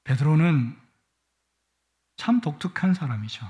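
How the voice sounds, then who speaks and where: A man's voice: a little high, animated, measured pace, mellow. A middle-aged man preaching a Sunday sermon in a church, with a playful manner that swells with emotion. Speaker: guest pastor. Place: church sanctuary.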